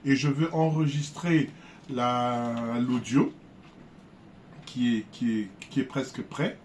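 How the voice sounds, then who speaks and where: A man teaching viewers in a casual, unhurried way, often repeating words and restarting his sentences. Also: mid-range voice, fairly even intonation, a little mellow, a little hiss or hum. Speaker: spiritual teacher.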